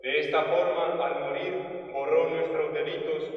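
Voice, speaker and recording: A man with a Spanish accent from Spain, a priest leading Mass in a solemn, measured voice, sometimes chanting, with the echo of a cathedral. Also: on the high side, steady tone. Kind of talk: liturgical prayer, partly chanted. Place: large church. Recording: echoey church from far off, dull.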